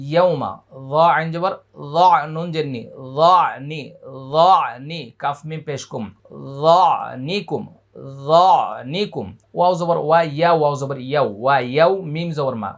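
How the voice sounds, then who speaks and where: Bangladeshi man teaching Quran recitation slowly. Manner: spells syllables slowly, then chants verses in a high drawn-out recitation. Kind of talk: letter-by-letter Quran recitation lesson.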